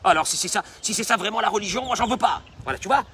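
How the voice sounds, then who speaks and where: A man voicing an indignant male worshipper who loudly complains that God owes him. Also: sits high, very animated, unhurried, creaky, voice pushed up, full character voice. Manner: whiny, self-righteous, loud.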